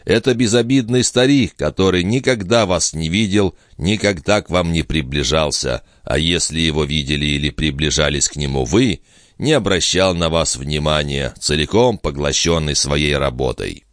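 A man doing a calm, patient nobleman. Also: very deep voice, no echo, clean studio sound. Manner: smooth, measured, gently reasoning.

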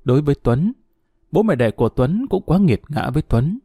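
A man narrating a story in a measured storytelling manner. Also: on the high side, big pitch swings, mellow, slightly rough, no echo, studio quality. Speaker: audiobook narrator. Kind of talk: scripted narration.

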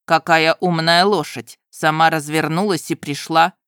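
A woman reading an audiobook, voicing a stern young nobleman who scolds his former fiancée in a lowered, gruff voice. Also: fairly even intonation, a little slow, fairly bright tone, no echo, studio quality.

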